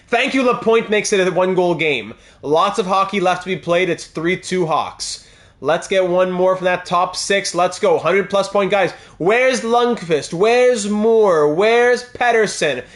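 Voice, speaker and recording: This hockey game streamer is a chatty man whose voice sits a little high. Commentating live over a hockey franchise mode, he reads out chat messages and gets excited calling the plays.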